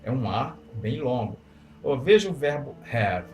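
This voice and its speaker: A man's voice: medium pitch, big pitch swings, unhurried, darkish tone. A Brazilian man teaching English vowel sounds, explaining patiently and repeating each example word several times. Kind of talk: pronunciation lesson. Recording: echoey room with faint music.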